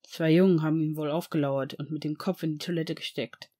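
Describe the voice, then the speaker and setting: A reader voicing a stern, brooding man, a potions master and father, speaking low with controlled anger. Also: steady tone, a little fast, dark tone, natural voice. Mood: angry. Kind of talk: audiobook fan reading.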